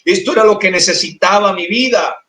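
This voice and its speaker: A man with a Colombian accent, preaching a sermon as pastor and telling an emotional testimony, at times soft and at times shouted. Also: high voice, brisk. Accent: Colombian Spanish. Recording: roomy, distant mic in church.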